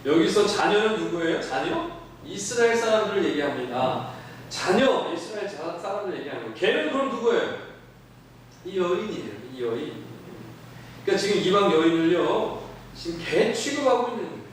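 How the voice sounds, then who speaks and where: High, lively male pastor, sermon in an echoey sanctuary, mic set at a distance. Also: fairly quick, slight background noise. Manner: animated, acts out quoted voices, asks the congregation questions. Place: church sanctuary.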